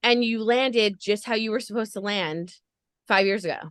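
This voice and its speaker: A woman's voice: medium pitch, moderate pace, no echo. A woman podcast interviewer recapping a show with gushing enthusiasm in long run-on stretches.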